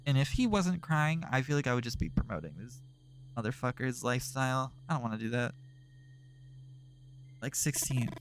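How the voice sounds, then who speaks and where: A man's voice: medium pitch, low-quality recording. A man streaming a narrative game, reading its text aloud and breaking off for sarcastic, profane asides.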